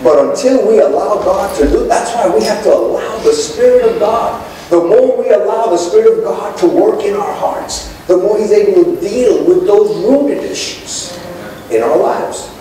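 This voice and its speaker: Echoey middle-aged preacher at the pulpit. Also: male voice, sits high, expressive, moderate pace, dark tone. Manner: preacher calling out to the congregation, gesturing. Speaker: pastor. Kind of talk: sermon. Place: church sanctuary with congregation. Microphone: pulpit microphone, filmed from far back. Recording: echoey church from a distance.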